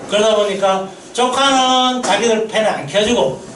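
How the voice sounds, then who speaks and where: A man's voice: high-pitched, normal speed, echoey room, far from the mic, a little hiss or hum, rough recording. A man preaching a sermon as a missionary pastor at a mission meeting, telling stories and asking the congregation questions. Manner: lively storytelling, asks the congregation questions. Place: church sanctuary.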